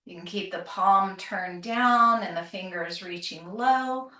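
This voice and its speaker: In a roomy space, a little far from the microphone, a woman leads a calm grounding exercise as a yoga teacher. She gives breath and movement cues very slowly, in a gentle, soothing manner at a medium pitch. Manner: gentle, soothing, unhurried instruction. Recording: roomy echo, distant microphone.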